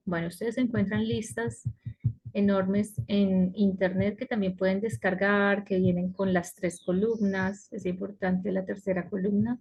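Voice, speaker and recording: A woman's voice: medium pitch, little pitch movement, unhurried, darkish tone, husky. A woman teaching an online English class, explaining step by step and often checking with her students. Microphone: computer mic on a web conference.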